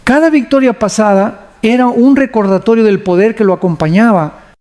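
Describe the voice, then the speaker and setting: A man delivering a devotional sermon in a solemn, measured way and leading listeners in prayer. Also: sits high, darkish tone. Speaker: preacher.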